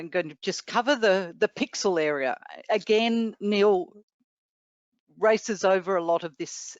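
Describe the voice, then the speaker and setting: A woman moderating a webinar, introducing a presenter in a halting, filler-heavy way, heard through screen-recorded video call audio. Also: fairly low pitch, clear, resonant tone, no echo, dull audio.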